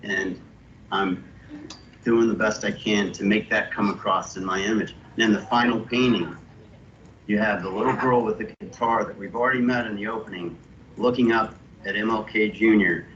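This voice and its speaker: A lowish man's voice heard over a video call, thoughtful, stopping and restarting as he explains his artwork. The sound is muffled and dull, with a faint hiss underneath. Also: fairly even intonation, normal speed, fairly bright tone. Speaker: illustrator. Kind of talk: walking through his artwork.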